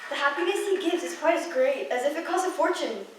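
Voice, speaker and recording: A teenage girl playing Scrooge, an anxious, excitable old man, in a student radio play. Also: sits high, brisk. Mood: pleading. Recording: echoey room, distant mic, background noise.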